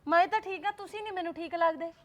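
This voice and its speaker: A brash, hot-tempered village busybody, played by a woman, with a very high voice. She talks fast and scolds bluntly, all sharp tongue and gossip. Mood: scolding. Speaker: quarrelsome neighbor.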